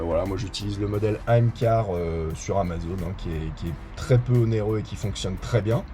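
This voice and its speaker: Mellow-voiced man explaining step by step. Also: on the low side. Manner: relaxed step-by-step explaining, frequent hesitations. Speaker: channel host. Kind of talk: casual how-to tutorial.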